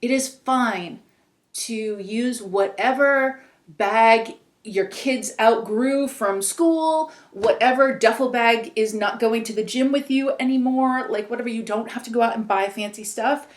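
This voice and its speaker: Chatty woman with a slightly high voice. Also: unhurried, roomy sound. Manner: chatty, rambling, lots of "like" and "whatever". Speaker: podcast co-host. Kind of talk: casual chat.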